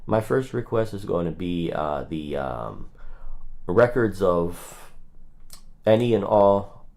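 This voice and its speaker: A man hosts a live call audit, making phone requests and chatting with viewers in an insistent, straight-to-the-point manner. His voice is low, gravelly and darkish, very animated yet slow.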